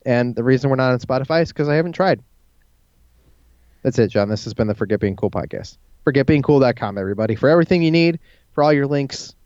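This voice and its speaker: A man hosting a podcast with casual banter, talking haltingly and repeating words as he goes. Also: medium pitch, lively intonation, darkish tone, no room sound, dull audio. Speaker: podcast host. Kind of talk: casual banter between co-hosts.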